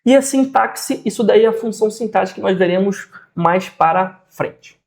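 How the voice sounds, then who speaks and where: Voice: medium pitch, moderate pace, gravelly, darkish tone. A teacher with a Brazilian Portuguese accent giving a grammar lesson, patiently repeating examples and often checking in with the listener.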